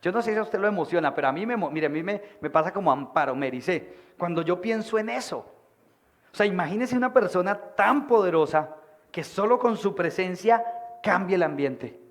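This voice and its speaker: A Colombian pastor preaches to his church in a meeting hall, his voice sitting high and moving a little fast. Animated, he projects and acts out the voices of characters in the stories.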